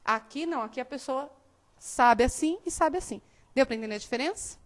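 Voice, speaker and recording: High-voiced teacher woman from São Paulo. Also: brisk. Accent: São Paulo Portuguese, softened by years in southern Brazil. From São Paulo state, Brazil. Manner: explanatory, checks understanding often. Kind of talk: live classroom lecture.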